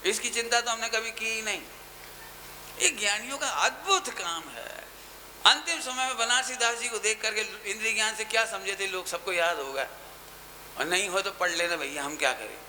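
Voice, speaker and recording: A man delivers a Jain sermon with a very bright, piercing tone. He is animated and fires off rhetorical questions, then drops into quieter asides. A faint hiss sits under the recording. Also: high-pitched, normal speed, low-quality recording. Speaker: Jain preacher. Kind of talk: religious discourse at a camp. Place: gathering hall with audience.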